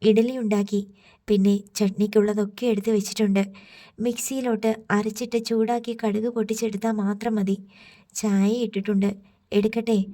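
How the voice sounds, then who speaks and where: A woman's voice: mid-range voice, level tone, moderate pace, warm tone, lightly acted. A woman voicing a tearful, remorseful daughter. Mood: pleading remorse. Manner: pleading, choked with tears. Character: remorseful young adult daughter, once proud.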